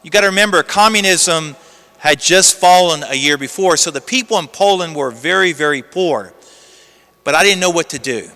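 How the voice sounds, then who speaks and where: Priest in cathedral echo. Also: male voice, a little high, moderate pace, sharp tone. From United States. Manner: earnest, storytelling. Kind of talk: gospel reading and homily. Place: large church. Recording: long church reverb.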